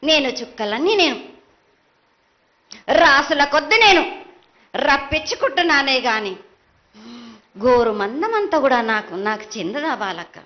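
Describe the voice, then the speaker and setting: A woman's voice: high voice, big pitch swings, measured pace, pauses often. A woman speaking as a mother goddess in a prophetic trance at a festival ritual, chanting insistent, repeated phrases in reproach and demand. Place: live temple festival ritual. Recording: dull lo-fi live broadcast sound.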